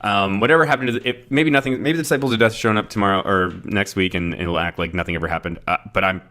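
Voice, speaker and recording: Low-voiced laid-back podcast host. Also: male voice, quick pace, pushed and bright. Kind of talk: casual wrestling review chat.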